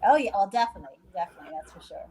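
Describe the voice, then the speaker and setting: A Puerto Rican woman, a guest who owns a hostel, chats loosely on a video call from a guesthouse bedroom, full of fillers and restarts. She talks rapid-fire in a warm, medium-pitched voice with lively intonation.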